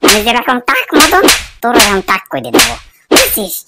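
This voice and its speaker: A woman with a somewhat high, very animated voice plays an abusive, foul-mouthed, bald, drunken husband in a cartoon comedy, speaking at normal speed. She bullies angrily, swearing, threatening and making demands. The recording is very noisy, with clicking in the background.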